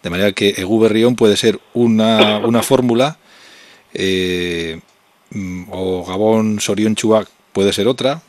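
A male radio host who interviews a guest and speaks hesitantly, filling his sentences with pauses and fillers. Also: on the low side, steady tone. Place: radio studio.

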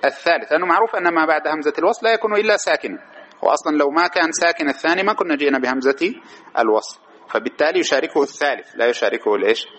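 A man teaching a grammar lesson. He keeps posing quick rhetorical questions to his students and then answering them himself. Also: on the high side, fairly bright tone.

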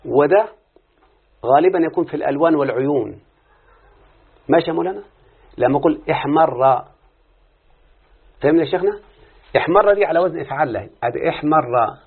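An Egyptian man teaching a class, his voice slightly high and husky. He questions his students often and drags out the patterns he wants them to repeat. The sound is thin and phone-like. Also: animated, brisk, long pauses. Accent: Egyptian Arabic. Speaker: teacher of Arabic morphology. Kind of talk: classroom lesson with student responses. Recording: tinny phone-like lo-fi recording.

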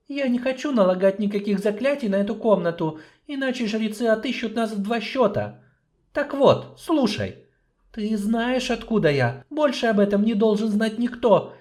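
A man voicing a troubled young sorceress in a high, strained falsetto for an audiobook. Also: a little mellow. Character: troubled young female sorceress, weary, wry.

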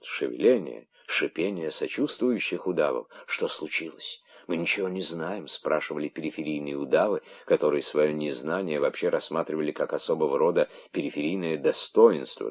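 A man narrating a satirical fable as an audiobook, in a measured, ironic way. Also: extremely low pitch, creaky, darkish tone.

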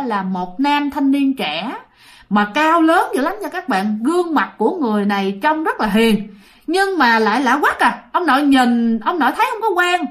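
High-voiced woman telling a ghost story. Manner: lively, repetitive telling, addresses listeners directly. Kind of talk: storytelling to listeners.

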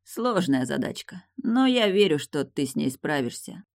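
A woman's voice: low-pitched, very animated, normal speed, a little mellow, no echo, studio quality. A woman voicing a male king who speaks hopefully and cryptically in a storybook reading. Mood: cryptic.

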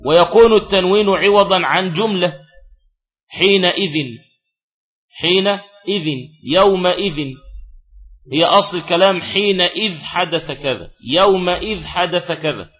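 A man's voice: on the high side, highs cut off. A man teaching a classical grammar lesson, who repeats key phrases and puts questions to his students.

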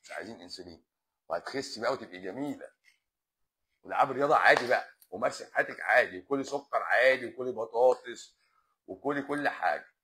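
A man's voice: mid-range voice, lively intonation, fast, sharp tone, slight background noise. A man with an Egyptian accent, a doctor hosting a live stream who answers viewer comments in a blunt, lecturing way and drops English medical terms into his talk. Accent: Egyptian Arabic. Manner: blunt and lecturing, often exasperated.

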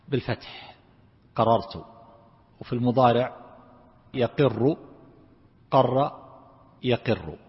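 A man teaching a lesson on Quran commentary, who explains slowly and repeats words to drill how their vowels are said. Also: medium pitch. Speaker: sheikh teaching Quran exegesis. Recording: lo-fi recording in a reverberant hall.

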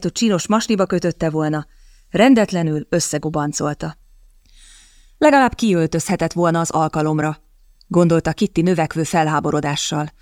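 A woman reading a novel aloud as an audiobook narrator, in a measured, calm storytelling manner. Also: on the low side, no echo, studio quality. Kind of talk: scripted narration.

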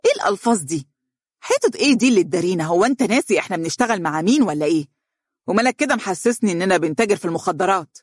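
A bossy Egyptian businesswoman, put on by a male reader, cuts in fast and cutting, her voice pushed up higher and a touch louder. She sounds haughty and scornful in a dry, close storybook reading. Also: fairly even intonation, dry recording, lightly acted. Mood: domineering. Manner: sharp, scornful, domineering. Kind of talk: audiobook character reading.

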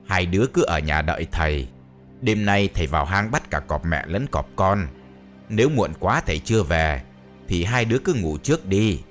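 A man doing a deep, stern old exorcist master. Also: animated, soft background music. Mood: fatherly firm. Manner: cold, commanding, unhurried.

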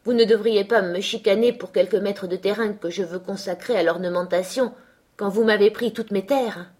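A woman's voice: mid-range voice, moderate pace, darkish tone, lightly acted. A woman doing a defiant, insolent young woman. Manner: bold, taunting retorts.

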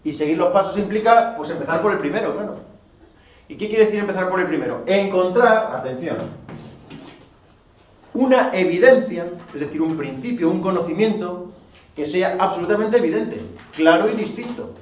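Male philosophy teacher, higher voice, lectures from across an echoey classroom, checks in with the students often. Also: lively intonation, moderate pace. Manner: rhetorical questions, emphatic asides. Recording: roomy, distant, dull, faint noise.

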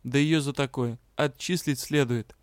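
Give me a commanding, indignant female captain, read by a man, crisp and dry. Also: medium pitch, steady tone, measured pace, no echo, close to an everyday voice. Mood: stern. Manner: sharp, commanding. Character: stern female academy captain, strict and indignant.

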